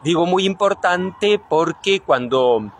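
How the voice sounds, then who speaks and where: Outdoors in front of a church, a middle-aged Argentine priest speaks into a handheld reporter microphone during an interview. His voice sits high with lively intonation and a slow pace, and he talks reflectively and earnestly, often searching for words.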